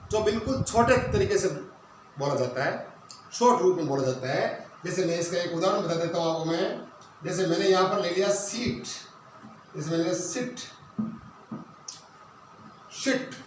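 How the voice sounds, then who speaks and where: A high-voiced male teacher explains a grammar lesson step by step. He asks his own questions and then answers them. He is recorded from across a very echoey room, with a faint hum behind him. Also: far from the mic.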